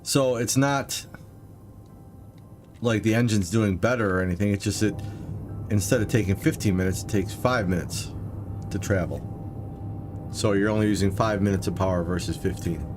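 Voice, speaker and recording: A livestreaming gamer talks to his chat viewers in a relaxed way, explaining his game as he plays, with slight hiccups now and then. His voice is on the low side, his pace moderate with long pauses, and music plays underneath.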